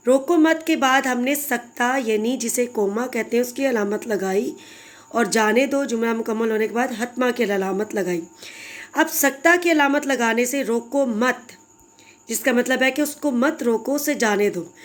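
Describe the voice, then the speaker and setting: A woman's voice: on the high side, measured pace. A woman teacher giving a patient, explanatory recorded grammar lesson to young children, addressing them fondly.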